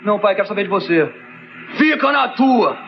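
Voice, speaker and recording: A man speaking dubbed film dialogue, lively and shouting in anger. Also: high-pitched, unhurried, dull audio, over music. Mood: furious.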